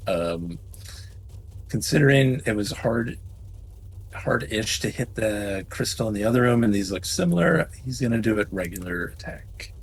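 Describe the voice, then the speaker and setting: A man's voice: fairly low pitch, expressive, normal speed, creaky, slight background noise, poor audio. A man playing a tabletop role-playing game, chatting casually and hesitantly as he thinks aloud. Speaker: player.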